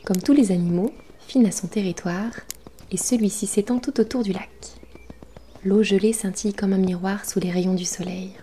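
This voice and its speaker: Female storybook narrator, calm and descriptive, mellow warm voice. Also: mid-range voice, slight background noise.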